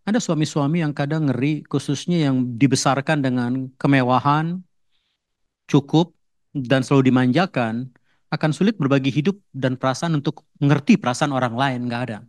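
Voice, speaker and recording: A male pastor preaching in a relaxed, conversational way, dropping in casual tags and acting out couples' quarrels in raised voices. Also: mid-range voice, no echo. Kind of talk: sermon.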